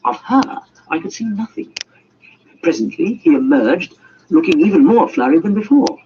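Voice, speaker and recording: A man narrates a story like a theatrical audiobook reader, dramatic and scripted, voicing the dialogue. His voice is high and animated with a dark tone, at a moderate pace. The amateur recording is muffled and noisy.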